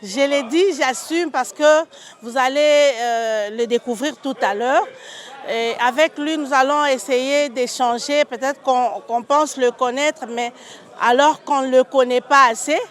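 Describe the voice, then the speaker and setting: Congolese woman talk-show host, high voice, measured pace, code-switches French and Lingala.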